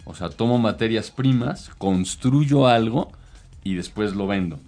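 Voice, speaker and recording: A man's voice: fairly low pitch, expressive, unhurried, darkish tone, soft background music. A man, a consultant, explaining business ideas in casual chat, with many hesitations and fillers.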